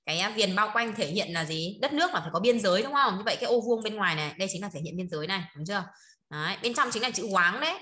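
A quick-talking woman teacher leads an online class over a video call. Her voice is bright and forward, and she keeps tossing short questions back to her students. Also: mid-range voice. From northern Vietnam. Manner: checks in constantly with short tag questions, laughs often. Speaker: Chinese teacher.

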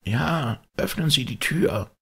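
A man reading aloud, voicing a frightened old male servant who speaks in a trembling, hoarse voice. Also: on the high side, animated, slow pace, pitched above the performer's own voice, exaggerated voice. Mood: fearful, trembling.

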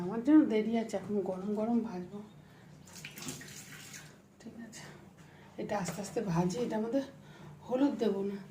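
A woman's voice: mid-range voice, dark tone. Chatty woman cooking at home with a cold. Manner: chatty, rambling, many fillers and asides. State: has a cold. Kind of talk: casual cooking vlog chat. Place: home kitchen. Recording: faint background noise.

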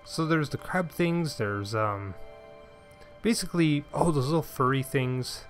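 A let's play gamer offers casual commentary as he plays, talking to himself and his pet and letting out mild, frustrated sighs. His voice is on the high side and unhurried, with faint music in the background.

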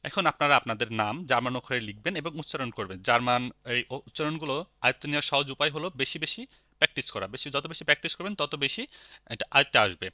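A man with a Bangladeshi Bengali accent teaching a spoken language lesson, patiently repeating each word slowly. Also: medium pitch, expressive, pushed and bright, no echo, studio quality.

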